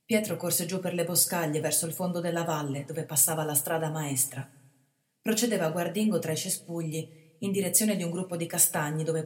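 A woman, an actress, reading a literary short story aloud in a measured, expressive narration. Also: on the low side. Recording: reverberant hall.

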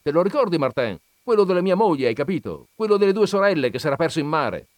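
A man voicing a rough, blunt peasant who calls out heartily in a story reading. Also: fairly high pitch, sing-song, fast, dry recording, clean studio sound. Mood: hearty shouting. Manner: hearty, shouting to the innkeeper.

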